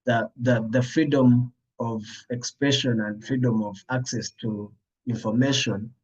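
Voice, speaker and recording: A man with an East African accent speaking haltingly and hesitantly in an unscripted panel discussion on a video call. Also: mid-range voice, a little mellow. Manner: halting, hesitant delivery with frequent long pauses. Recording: dull lo-fi online call audio.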